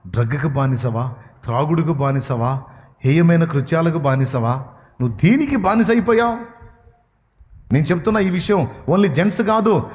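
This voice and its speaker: A man preaching a sermon, impassioned and questioning his listeners, at times rising to pleading cries. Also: fairly high pitch. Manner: asks the audience questions. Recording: long hall reverb.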